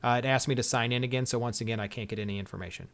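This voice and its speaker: A man's voice: medium pitch, fairly even intonation, rapid-fire, vocal fry. A man co-hosting a casual tech show, griping with exasperation about a product he is reviewing.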